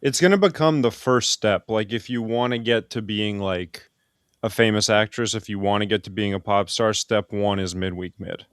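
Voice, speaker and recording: A man's voice: lowish voice, normal speed, clean tone, no room sound, studio quality. A man in a casual group chat, talking bluntly and with slang.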